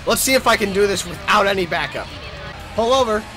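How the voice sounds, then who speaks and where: A man streaming a racing game, talking casually, swearing and shouting at the game. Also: high voice, fast. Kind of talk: casual gameplay commentary. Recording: game music over the voice. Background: game music.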